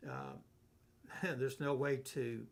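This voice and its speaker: A man, a pastor, leading a relaxed Bible study, reading verses aloud and explaining them, asking and answering his own questions. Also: mid-range voice. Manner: unhurried, asks himself questions and answers them. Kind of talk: conversational Bible teaching.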